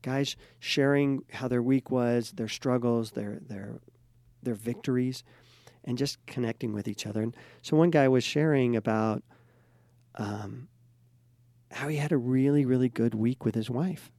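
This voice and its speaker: A man who is a couples therapist and host, chatting casually and telling a client's story with lively acted-out quotes. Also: mid-range voice, unhurried, dry recording, clean studio sound.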